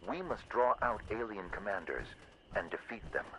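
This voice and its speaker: Here is a stiff male robot posing as a human, speaking in a formal, stilted and oddly courteous way. His voice sits on the low side. It rises and falls dramatically from one phrase to the next. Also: big pitch swings, moderate pace, very noisy. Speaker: game character giving mission support.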